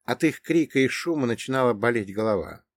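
A man's voice: medium pitch, lively intonation, a little fast, dry recording, studio quality. A man narrating a first-person story with wry, ironic asides. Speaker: audiobook narrator.

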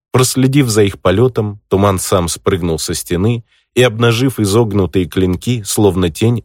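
A man reads a fantasy novel aloud as a scripted audiobook narration. His voice sits low and deep, and his delivery stays measured and even. The recording is dry, with no room sound around him. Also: dry recording.

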